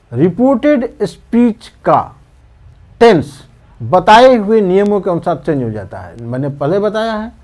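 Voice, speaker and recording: A man teaching English grammar in an explanatory lesson, repeating the rules and slowly dictating example sentences. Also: sits high, darkish tone.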